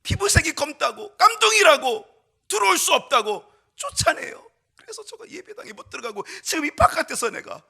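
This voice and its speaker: A man voicing a young boy shut out of a church, pleading tearfully and rising into loud protest. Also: very high voice, sing-song, a little fast, gravelly, pitched above the performer's own voice, heavily acted.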